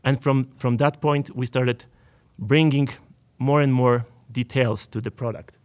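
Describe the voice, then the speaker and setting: Polish-accented guy on a panel, slow and halting, lots of ums and likes. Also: medium pitch, steady tone. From Poland. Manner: halting, searching for words, with many fillers. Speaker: panel guest, ski maker. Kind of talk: panel talk. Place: stage before a live audience.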